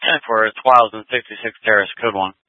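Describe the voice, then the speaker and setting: A man's voice: on the low side, steady tone, a little fast, dry recording. A man working as a police dispatcher, heard over police radio and speaking in clipped radio codes. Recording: tinny dry radio transmission.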